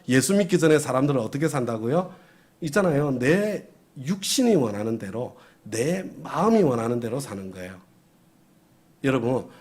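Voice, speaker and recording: A male pastor delivers a sermon in a mellow, warm voice. His pitch swings widely as he quizzes the congregation and presses each point with emphasis. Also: slightly rough. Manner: asks the congregation questions, emphatic.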